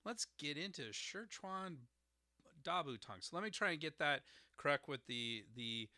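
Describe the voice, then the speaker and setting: A man hosts a solo educational podcast, walking through terms and spelling out words with frequent hesitant uhs. His voice is strikingly bright and forceful. The sound is dry, with no room echo. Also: fairly high pitch, animated, unhurried. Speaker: podcast host explaining herbal formulas.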